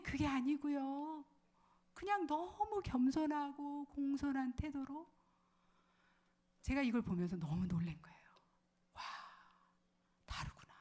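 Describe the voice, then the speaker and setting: A woman preaching a sermon to a women's worship service, telling stories lively, acting out quotes, asking the audience questions and sometimes dropping to a whisper. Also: high voice. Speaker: pastor's wife preaching.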